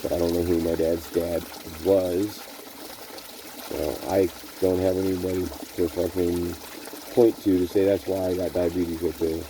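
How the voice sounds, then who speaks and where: A man vlogging outdoors by a pond, rambling in a profane, musing, low-energy way. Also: level tone, measured pace. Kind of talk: rambling personal vlog. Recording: clear water noise behind.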